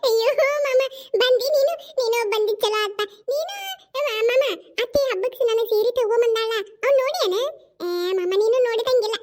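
A woman's voice: very high voice, brisk, a little mellow, slight background noise. A woman doing a cheeky young daughter-in-law. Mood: excited. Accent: North Karnataka Kannada.

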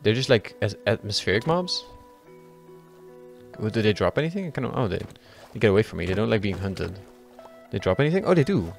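A young man narrating his game run in a lively, swooping voice that leaps up and drops low as things surprise him. He swears freely and keeps talking to his viewers, with faint music playing underneath. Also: fairly quick, vocal fry. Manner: excitable, swears, talks to viewers. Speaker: gaming YouTuber. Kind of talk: let's-play commentary.

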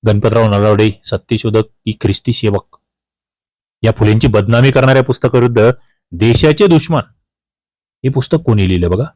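The recording is dry and low in quality, carrying a man's darkish, lowish voice that moves briskly yet leaves long pauses. He has a Maharashtrian accent and is teaching a quiz-format history lesson for exams, emphatically repeating key questions and answers to students with colloquial asides.

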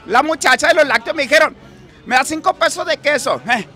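Jovial high-voiced Sinaloan man outdoors. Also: fairly quick, sharp tone, some chatter behind. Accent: Sinaloa Mexican Spanish. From Mexico. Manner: jovial, rambling, laughs often. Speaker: interviewee. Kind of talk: casual street interview. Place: outdoors on a city street.

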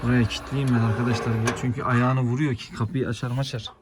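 A man vlogging outdoors on a farm. He chats casually to viewers and shouts sharp calls and scoldings to his dogs. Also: medium pitch, level tone, quick pace, loud music behind the voice. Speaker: vlogger and dog owner.

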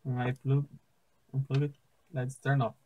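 A young man with a Brazilian Portuguese accent, a native Portuguese speaker, explains a simple circuit step by step in careful, halting English at a wooden table indoors. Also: mid-range voice, completely flat delivery, dark tone, slight background noise, rough recording. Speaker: science fair project demonstrator.

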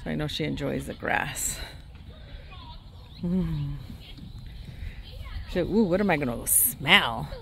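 An older woman speaks slowly in a low-pitched, bright, forceful voice with vocal fry and frequent pauses. She's vlogging casually on a walk in a park, slightly out of breath and baby-talking her dog. Her phone captures the outdoor audio along with background noise.

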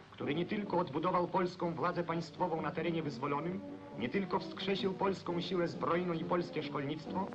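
A man narrates an old 1940s newsreel in a formal, declamatory way. His voice sits fairly high, and the sound is dull and lo-fi, like aged film audio. Loud orchestral music plays beneath him throughout. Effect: old 1940s newsreel recording.

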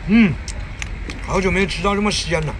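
A man's voice: high-pitched, normal speed, noisy background. A man eating on camera and chatting casually to viewers, talking with his mouth full while chewing, coaxing and playful. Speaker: mukbang eater.

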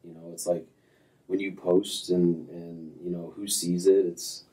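A man in his thirties, a golf instructor appearing as a guest, speaks in a low voice at a measured pace during a casual interview chat in a small office hung with framed diplomas. He's relaxed and rambling, with many fillers and restarts, and the audio is poor, recorded from a distance.

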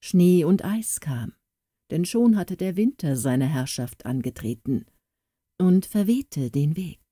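A woman reading a fairy tale aloud as an audiobook narrator, telling it slowly and expressively. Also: on the low side, breathy edge, dry recording, clean studio sound. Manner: expressive, slow storytelling with voiced characters.

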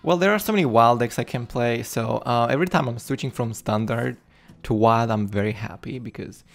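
A man's voice: medium pitch, fairly quick, creaky. A young adult man streaming a video game with casual, playful commentary, repeating words, his mouth sounding slightly numb. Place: indoor room at home. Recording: game music behind the voice. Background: game music.

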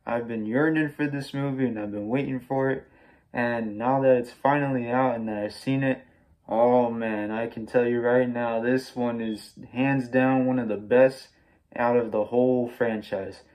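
A man's voice: medium pitch, fairly even intonation, measured pace, a little mellow, poor audio. A young American man casually reviews a movie in an enthusiastic, slangy way, speaking through a face mask. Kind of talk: casual spoiler-free video review. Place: small room at home, indoors.

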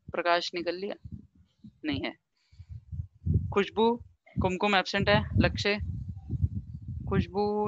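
A woman's voice: medium pitch, dry recording, dull audio. A woman teacher running an online class over a video call, explaining step by step and mixing Hindi with English. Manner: reads through an attendance list briskly.

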